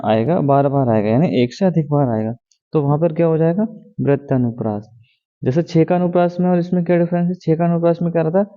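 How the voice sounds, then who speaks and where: Man teaching, tinny echoing sound. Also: on the high side. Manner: asks rhetorical questions and answers them himself; repeats key words, slows down to read examples. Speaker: exam coaching teacher. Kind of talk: Hindi grammar lesson. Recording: tinny phone-like sound with long reverb.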